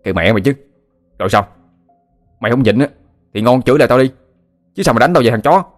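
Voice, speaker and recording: A man voicing a hot-tempered young village man who swears and shouts angrily in a told story. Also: mid-range voice, expressive, fast, faint music behind, voice pushed up, natural voice. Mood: furious.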